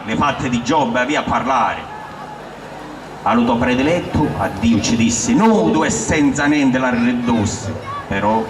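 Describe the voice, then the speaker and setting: Sicilian man declaiming verse, echoey and distant. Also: medium pitch. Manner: declamatory, storytelling delivery. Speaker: dialect poet reciting. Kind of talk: live recitation of dialect verse. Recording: roomy echo, distant mic, clear background noise.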